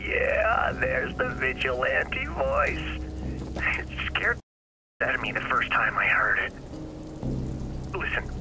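An actor playing a jittery, eccentric underworld informant in a video game, halting and excitable, dropping into breathy asides. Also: male voice, mid-range voice, music in the background, poor audio. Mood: excited. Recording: loud rain and street noise.

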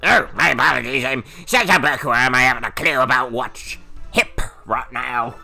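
A man's voice: mid-range voice, normal speed, vocal fry, sharp tone, faint music behind, heavily acted. A man voicing an elderly, absent-minded male Goomba professor while reading game dialogue on stream. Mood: scholarly. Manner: flustered, fumbling old-man voice.

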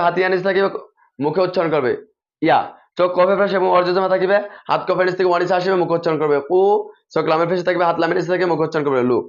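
A man teaching teachers how to drill children in reading, methodical and repeating set spelling patterns. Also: sits high. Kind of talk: instructional explanation for teachers. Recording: dull lo-fi recording.

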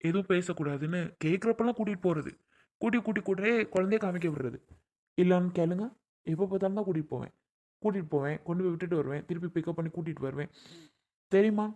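A man's voice: sits high, mellow. A man playing a stubborn young husband in a family drama skit, arguing and complaining to his father-in-law. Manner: argumentative, complaining.

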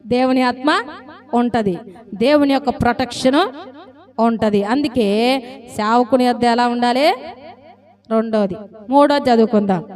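A woman with a high, bright voice delivers a sermon, keeping it lively. She keeps throwing questions at her congregation and pushing them to answer aloud. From South India. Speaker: preacher.

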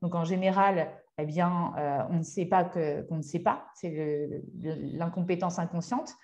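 Give me a woman with a fairly low voice giving a motivational talk, relaxed and conversational, often stopping to find the right word. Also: dull audio. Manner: conversational, halting, searching for words. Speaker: speaker and hypnotherapist.

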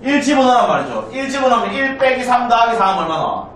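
Guy teaching math to a class, kinda high voice, always asking "right?", sounds far off in a really echoey classroom. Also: very animated, fairly bright tone, a little hiss or hum. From South Korea. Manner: asks students frequent check questions, brisk and chatty. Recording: roomy classroom, mic far off.

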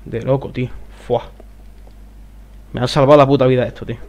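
A man doing casual let's play commentary, talking to himself, swearing often, with sudden excited outbursts. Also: medium pitch, a little fast. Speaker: gameplay commentator.

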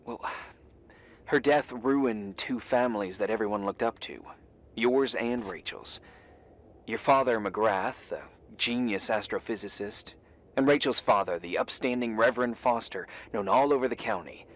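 An actor playing a calm, cryptic official who speaks in a soft, measured way in video game dialogue. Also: male voice, lowish voice, close to an everyday voice.

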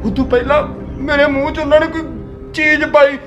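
A man's voice: very high voice, steady tone, lo-fi sound, over music. A man playing a tearful young village man. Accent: Malwai Punjabi. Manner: tearful, pleading, halting. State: crying. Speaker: nephew in a family drama. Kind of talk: web series acting.

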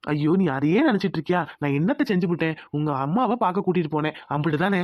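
A man doing a fast-talking young village husband. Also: a little high, no room sound, dull audio, lightly acted. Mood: teasing. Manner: plain, wondering, teasing.

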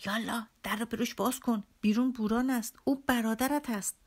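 A woman's voice: on the high side, fairly even intonation, pitched above the performer's own voice, natural voice. A woman reading an audiobook, voicing a sarcastic male devil who taunts his host. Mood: mocking. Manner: teasing, sarcastic. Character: mocking male devil visitor, sly and taunting.

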